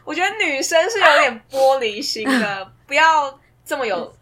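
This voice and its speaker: A woman hosting a podcast in casual chat, animated and often laughing through her stories. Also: high voice, moderate pace, a loud crowd. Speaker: podcast host.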